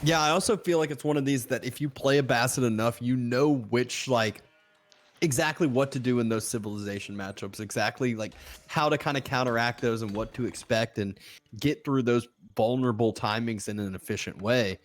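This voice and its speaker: A man's voice: medium pitch, brisk. A man co-casting an esports match, analytical and rambling, with many filler words. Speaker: co-caster. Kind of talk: esports commentary.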